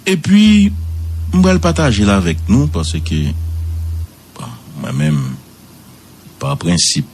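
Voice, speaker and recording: A man with a Haitian accent giving radio commentary, swooping high for emphasis and repeating words. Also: huge pitch swings, unhurried, slight background noise.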